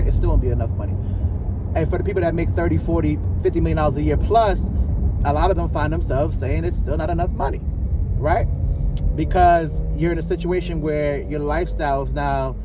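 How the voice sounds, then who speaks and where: A man with a lisp giving a casual motivational vlog talk, loose and colloquial, repeating phrases for emphasis. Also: on the high side. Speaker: vlogger. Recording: clear vehicle and outdoor noise.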